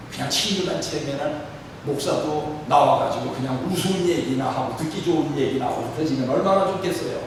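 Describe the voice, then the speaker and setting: A man in his sixties preaching a sermon as church leader, animated and full of rhetorical questions. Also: sits high. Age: 60s. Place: church hall. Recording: echoey hall, distant mic, faint noise.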